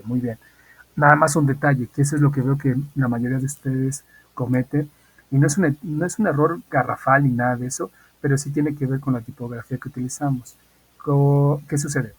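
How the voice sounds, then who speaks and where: Husky-voiced man teaching an online English class. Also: mid-range voice, rough recording. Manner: patient, repeats key points and checks in with "¿ok?".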